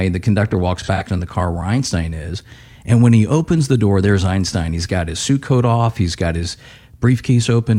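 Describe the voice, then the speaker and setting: A man's voice: lowish voice, dark tone. A man who works as a financial advisor, giving an interview in a folksy, storytelling manner with many filler words.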